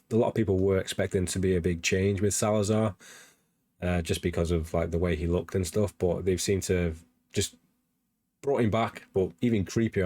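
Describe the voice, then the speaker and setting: A man's voice: low-pitched, dark tone, dry recording. A man hosting a gaming news podcast on a livestream, chatting casually in an eager, rambling way with many fillers and restarts, his voice a little worn. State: slightly losing his voice. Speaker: podcast host.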